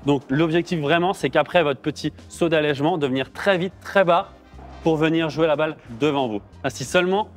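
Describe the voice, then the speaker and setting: A young Frenchman with a fairly high voice explains sporting technique informally. Faint music plays under his casual, instructive talk. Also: a little fast. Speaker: padel player and coach-like presenter.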